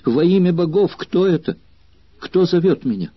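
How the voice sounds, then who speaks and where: A passionate young woman pleads in an audiobook scene, as a man reading it puts her on, pushing the voice high and urgent. The recording is dry and a little dull. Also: lively intonation, normal speed, husky, dry recording. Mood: frightened.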